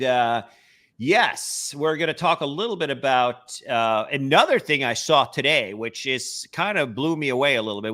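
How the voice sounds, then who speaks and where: A man's voice: mid-range voice, pushed and bright. A man from Norway with a Norwegian accent, hosting a casual travel webcast with many hesitations and fillers. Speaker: host.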